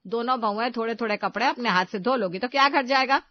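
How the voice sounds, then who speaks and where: A woman voicing a stubborn older mother-in-law who taunts and scolds loudly in a cartoon story. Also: mid-range voice, sing-song, a little fast, muffled recording. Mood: scolding. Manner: loud, sharp, taunting.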